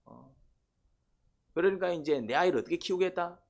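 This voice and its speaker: This preacher's high-pitched voice is gravelly, with lively intonation and normal speed. Throughout the sermon the pastor questions his congregation and keeps prompting them with short "eh?" calls.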